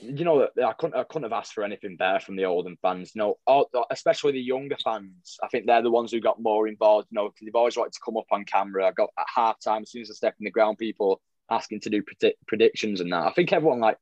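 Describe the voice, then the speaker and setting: A man's voice: on the low side, quick pace, few pauses, darkish tone, dry recording, muffled recording. A young man, a football vlogger telling stories in a rambling casual chat, full of restarts and fillers. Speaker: football fan vlogger, guest.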